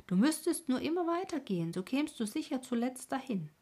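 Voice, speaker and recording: A woman voicing a cheerful, eager little girl in a bedtime story, breathy and half-whispered. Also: sits high, sing-song, a little fast, a little mellow, pitched above the performer's own voice, full character voice.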